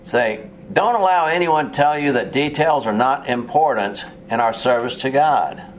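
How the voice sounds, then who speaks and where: A man's voice: medium pitch, moderate pace, a little hiss or hum. A man preaching a sermon in an earnest, plain way, with touches of sarcasm and frequent restarts.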